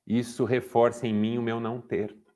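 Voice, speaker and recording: A man's voice: mid-range voice, fairly quick. A Brazilian Portuguese-speaking man giving a sermon-style talk to a men's group, telling stories and acting out the dialogue. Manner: animated storytelling, acting out dialogue.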